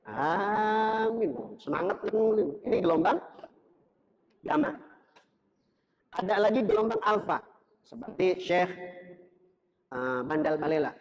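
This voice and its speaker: A man's voice: high voice, unhurried, long pauses, muffled recording. A man giving a religious lecture in a mosque, talking conversationally to the audience and breaking into chanted Quran recitation to show melodies. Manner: conversational, addresses the audience directly. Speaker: Islamic preacher. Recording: long reverb of a mosque hall.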